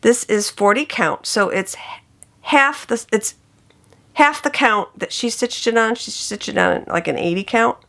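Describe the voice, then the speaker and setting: Slow, gravelly-voiced woman vlogger. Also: on the high side, a bit bright. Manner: enthusiastic, gushing over colors. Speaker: cross-stitch vlogger. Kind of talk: casual show-and-tell chat.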